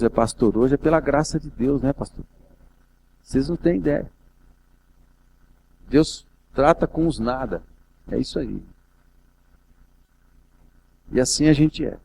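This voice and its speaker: A man's voice: a little high, gravelly, mellow, slight background noise. A man from Brazil preaching a sermon as a pastor, telling a personal story and rising to emotional intensity. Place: event hall.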